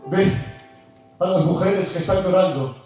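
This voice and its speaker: A man preaches in a fairly high voice, moving from near-shouting to a hush. His voice comes from some distance and rings through a very reverberant church hall. Faint music plays under him. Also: measured pace, highs cut off. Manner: impassioned, swinging from loud to soft. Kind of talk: sermon. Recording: very echoey hall from far off.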